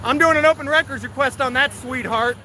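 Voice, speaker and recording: Livestreaming near a street while filming police, a man with an extremely high-pitched voice talks a little fast in an indignant, scolding, confrontational way. Traffic makes the outdoor recording noisy.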